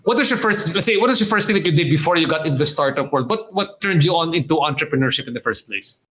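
A man's voice: fairly high pitch, lively intonation, fast, a bit bright. A man with a Filipino accent hosting a podcast interview, talking in a rambling, friendly way and slipping in Filipino words. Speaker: podcast host. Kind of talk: casual interview chat.

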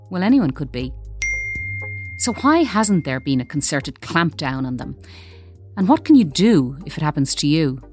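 An Irish woman presenting a news podcast, asking measured, composed questions. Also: low-pitched. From Ireland.

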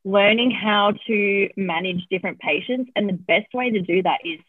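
A woman's voice: mid-range voice, moderate pace, slightly rough, dry recording. Aussie woman guest on a call, chatty, lots of ums, tinny phone sound. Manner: chatty, laughs easily, frequent fillers. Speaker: oral health therapist, guest. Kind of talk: casual interview answers.

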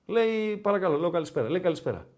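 A man's voice: high-pitched, sing-song, darkish tone. A man hosting a casual sports talk show, telling stories and teasing his co-host. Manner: storytelling, mimics dialogue in quotes; bantering, teasing.

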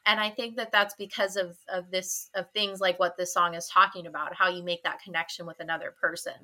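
Young woman hosting a book chat, bright forceful voice, gushy and laughy. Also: lowish voice, steady tone, a little fast. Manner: gushing, laughs often. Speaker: podcast host. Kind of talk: casual book discussion.

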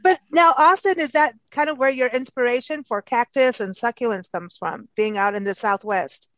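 A woman's voice: a little high, normal speed, a bit bright, no echo. A woman from South Africa co-hosting a video call interview, playful and jokey. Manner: playful and jokey, laughing often. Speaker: co-host. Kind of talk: casual interview chat.

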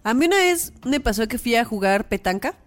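A woman's voice: a little high, lively intonation, fairly quick, faint music behind. Gushing woman with a Mexican accent. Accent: Mexican Spanish. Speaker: podcast co-host. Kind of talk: casual chat.

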